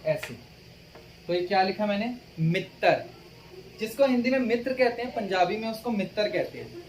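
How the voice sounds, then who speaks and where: A man's voice: high-pitched, reverberant, recorded from a distance, a little hiss or hum, poor audio. A man teaching a writing lesson, patiently spelling out letters one at a time. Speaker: language teacher.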